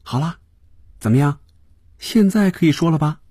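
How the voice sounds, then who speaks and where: A man's voice: on the high side, lively intonation, warm tone, breathy edge, dry recording, clean studio sound, voice pushed up. A man voicing a playful young female office worker who teases her boss. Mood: teasing. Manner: teasing, quick, pouty.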